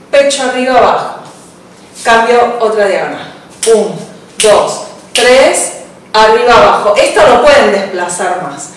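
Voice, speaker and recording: A woman's voice: medium pitch, slight background noise. A belly dance teacher, counting beats and calling out moves while she dances. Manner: counts beats aloud while dancing, brief cues. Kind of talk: counting and cueing a dance class. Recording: echoey room, voice from a distance. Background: dance music.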